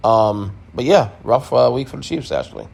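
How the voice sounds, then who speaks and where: A man's voice: mid-range voice, very animated, normal speed, gravelly, darkish tone. A man hosting a sports podcast, giving a casual, emphatic recap with blunt opinions and repeated points. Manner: emphatic, opinionated, repeats himself, mild swearing.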